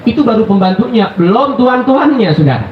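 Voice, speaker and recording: High-voiced man preaching in echoey hall. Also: fairly quick, a little hiss or hum. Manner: animated storyteller, addresses listeners as brothers. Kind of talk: sermon storytelling. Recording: echoey, dull live recording.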